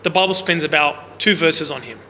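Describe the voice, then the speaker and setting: With a loud, slightly high voice and a fairly quick pace, a Bible study teacher runs an interactive class for a group in a large room. He speaks casually, often posing questions, with no mic of his own, so the room recorder picks up long hall reverb and a faint hiss.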